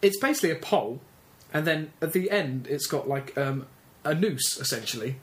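A man's voice: fairly high pitch, normal speed. An English man co-hosting a casual comic chat, often stumbling and restarting his sentences. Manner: hesitant, stammering restarts. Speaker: podcast co-host.

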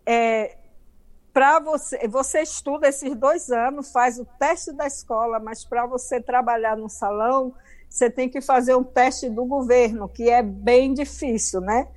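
A woman's voice: a little high, fairly even intonation, measured pace, darkish tone. A middle-aged Brazilian woman with a Brazilian Portuguese accent, telling her story emphatically as an interview guest.

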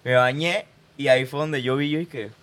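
A man tells a story at his ease in casual chat. He quotes his own words as he goes, in a voice of middle pitch. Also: moderate pace. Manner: relaxed storyteller quoting himself. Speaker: podcast co-host.

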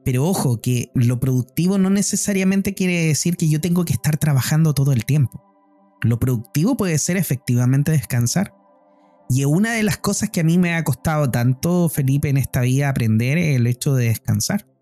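A man with a Chilean accent sharing personal reflections in a podcast chat, speaking thoughtfully with frequent pauses. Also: a little high, lively intonation, warm tone, faint music behind. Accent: Chilean Spanish. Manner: thoughtful, personal, many "eh" fillers. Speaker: co-host.

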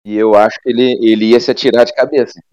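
A man giving measured opinions in a casual football debate. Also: medium pitch, fairly even intonation, darkish tone. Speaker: football pundit. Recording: slightly muffled audio.

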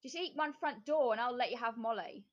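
A woman's voice: fairly high pitch, a little fast, dull audio, natural voice. A woman doing a gloating, bossy witch. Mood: haughty. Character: scheming, spiteful female witch who cackles.

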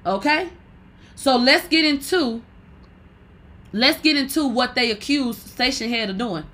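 A woman's voice: sits high, animated, measured pace, fairly bright tone. A woman delivering an unscripted exposé as a commentator, smug, sarcastic and confrontational, with blunt profane slang and lines repeated for emphasis. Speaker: host and cultural commentator.

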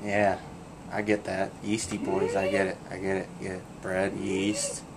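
A man co-hosting a podcast, telling crude jokes deadpan and then explaining the punchlines. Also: low voice, measured pace, background noise. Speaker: podcast co-host. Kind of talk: casual crude banter.

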